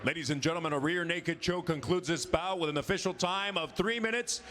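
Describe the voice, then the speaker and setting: A man announcing a fight result bilingually in a formal, projected, drawn-out lucha libre announcer manner. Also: a little high, a bit bright. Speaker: ring announcer. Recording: noisy live event arena recording.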